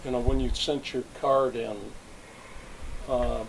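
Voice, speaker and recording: Older man recounting his working past for an interview, meandering and halting, with a faint hiss behind him. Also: mid-range voice, flat delivery, creaky, rough recording. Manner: rambling, reminiscing with frequent restarts. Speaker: interviewee, retired salesman. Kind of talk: oral history interview.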